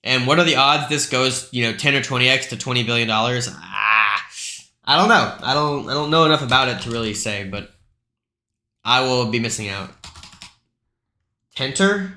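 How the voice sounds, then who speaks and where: A man's voice: medium pitch, lively intonation, normal speed, pauses often, sharp tone, roomy sound. A man hosting a live stream, talking through price charts in a loose, chatty way with lots of asides. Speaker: crypto live stream host.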